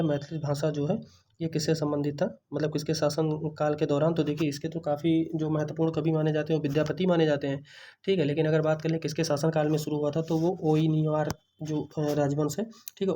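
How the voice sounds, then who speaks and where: A man works steadily through an exam answer key, his voice fairly high but mellow. He talks in an even, flat line and keeps asking himself the answer again before repeating it. A faint hiss sits under the recording. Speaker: exam tutor. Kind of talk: solving an exam paper.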